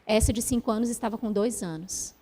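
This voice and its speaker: A middle-aged woman giving a spiritual talk, telling a personal story gently and from the heart, with pauses. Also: a little high. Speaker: spiritual speaker.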